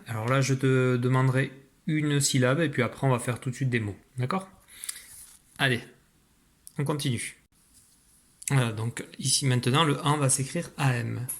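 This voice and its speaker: In this recorded spelling dictation, a male teacher speaks in a mid-range voice, taking his time to pronounce each sound clearly and patiently.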